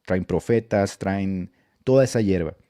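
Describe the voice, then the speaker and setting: A man's voice: deep voice, unhurried, mellow. A man with a northern Mexican accent, a preacher telling church anecdotes in casual storytelling talk, laughing often as he goes.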